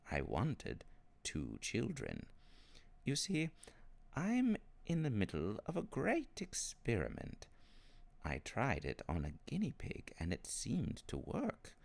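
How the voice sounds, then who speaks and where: A man's voice: fairly low pitch, wildly swooping pitch, slow, vocal fry, darkish tone, pitched above the performer's own voice, exaggerated voice. A man voicing Uncle Andrew, a cunning old man. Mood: slyly pleased. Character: tall thin sinister old uncle, cunning, gleefully menacing experimenter.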